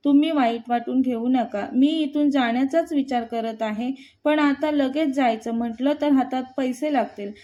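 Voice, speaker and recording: Storybook part: woman reading a meek, apologetic young woman, high, mellow voice. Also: moderate pace, highs cut off, lightly acted. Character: shy hurt young woman newcomer.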